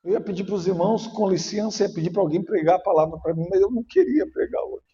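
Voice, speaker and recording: A male pastor preaching a sermon, emotional and at times rising to shouting. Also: sits high, expressive, fast. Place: church. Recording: muffled echoey church hall.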